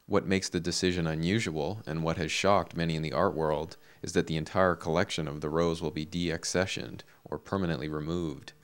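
A man reading a scripted local news report in a measured, even delivery. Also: low-pitched, smooth.

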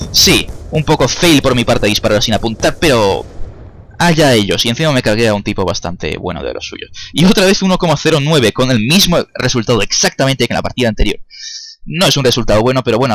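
A man's voice: mid-range voice, fairly bright tone. A young man giving casual commentary over his own gameplay, chatty, cursing at opponents and talking to his viewers. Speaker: gaming YouTuber.

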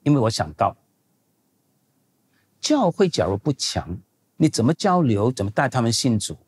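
Older male pastor for a Q&A session: husky, a bit raspy, talks in a loose and rambling way and leans on points for emphasis. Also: medium pitch, very animated, moderate pace. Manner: conversational, digressive, emphatic. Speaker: pastor and seminary teacher. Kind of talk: answering audience questions in a Q&A.

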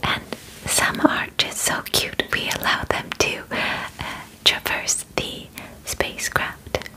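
The speaker, a woman in her twenties, whispers breathily in character as a matter-of-fact, courteous female alien examiner for ASMR. Her delivery is gentle and measured, halting, formal and dotted with short pauses. She is indoors in a small bedroom, and the recording is rough.

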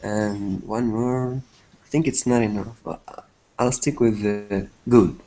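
A man from Syria speaking slow English with stammering restarts. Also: on the low side, fairly even intonation, dark tone.

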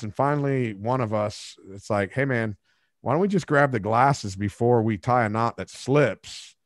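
A man's voice: mid-range voice, dry recording. Dry-sounding man in his forties, rambling. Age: 40s. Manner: rambling, self-mocking storyteller with restarts. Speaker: podcast host. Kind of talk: casual interview chat. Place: home studio room. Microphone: studio microphone with headphones.

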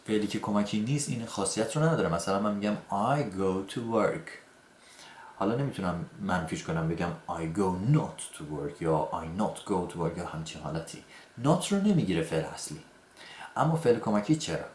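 A man whose first language is Persian, teaching an English grammar lesson and saying his example sentences slowly and carefully. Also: low voice, animated, a little mellow. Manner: slow, deliberate example sentences between quick explanations. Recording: echoey room, faint background noise.

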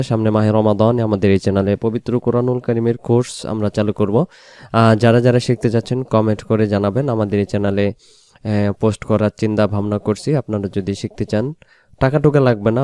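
A man leads a Quran recitation lesson in a very clear, crisp voice recorded close and dry. He talks through pronunciation points at a brisk clip, then slows right down to chant each verse aloud. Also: on the low side, dry recording. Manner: explains quickly, then chants verses slowly and loudly.

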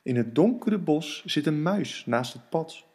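A man narrating a rhyming children's audiobook with an expressive, sing-song delivery. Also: fairly high pitch, measured pace, husky. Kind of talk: children's story reading in rhyme.

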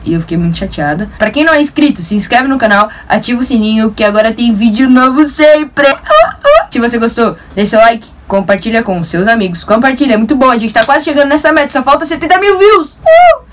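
A young woman vlogger with a São Paulo Brazilian accent tells a story in a quick, animated, slangy and self-mocking way. Her voice sits a bit high for a woman. It is recorded from slightly off the mic, with faint background noise. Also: distant mic. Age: young adult. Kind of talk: casual storytelling to camera.

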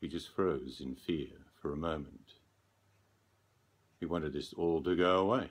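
Deep male voice, very slow, sleep story narrator, grave, dramatic pauses. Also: slight background noise. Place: small dark room, candlelit, indoors.

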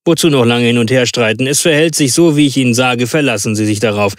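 A man voicing an impatient, eccentric male detective with quick, commanding speech. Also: mid-range voice, no echo, studio quality, natural voice.

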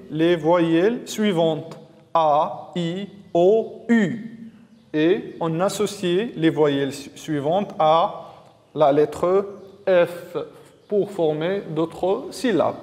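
A man teaching a reading lesson to young pupils, drilling syllables slowly and repeating each one. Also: high voice, darkish tone, in a large hall. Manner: slow, syllable-by-syllable drilling with repetitions. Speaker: primary school teacher.

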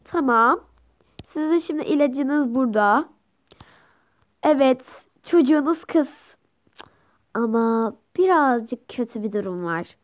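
A woman voicing a calm male doctor who speaks politely and matter-of-factly, in a dull lo-fi recording. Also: sits high, slow, pauses often.

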